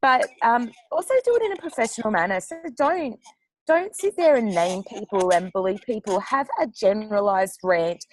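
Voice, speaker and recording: A woman's voice: medium pitch, expressive, normal speed, low-quality recording. Blunt, laughing woman author on a panel. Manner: blunt and outspoken, swears freely, laughs often. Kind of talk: casual panel discussion.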